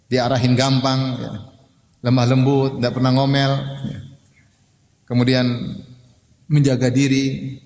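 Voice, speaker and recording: A man preaching a sermon in a lively way, throwing questions at his listeners and reciting Arabic. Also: medium pitch. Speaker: Islamic preacher. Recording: echoey hall with long reverb.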